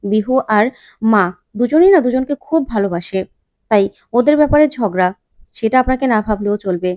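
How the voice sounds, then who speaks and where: A woman's voice: on the high side, animated, brisk, a little mellow, dry recording, clean studio sound, natural voice. A woman reading the lines of an outspoken young man in a retold TV serial, firm and retorting. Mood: defiant.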